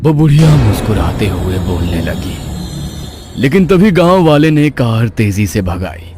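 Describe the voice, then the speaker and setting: A man narrating an animated horror story in a hushed, suspenseful way. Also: lowish voice, unhurried, over music.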